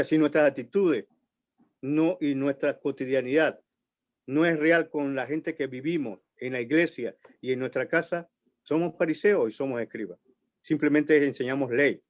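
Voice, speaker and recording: A man preaching a sermon in a church, slow and emphatic, building on repeated phrases. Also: mid-range voice, a little mellow. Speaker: pastor.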